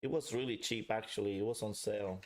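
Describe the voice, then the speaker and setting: A man's voice: lowish voice, fast talker, slight background noise. A man hosting a casual live review and chat, talking directly to viewers in a chatty way. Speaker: livestream host and pipe reviewer.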